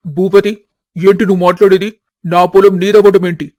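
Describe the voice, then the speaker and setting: A man's voice: high-pitched, little pitch movement, moderate pace, warm tone, dry recording, natural voice. A man voicing a worried old farmer father. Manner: earnest, pleading.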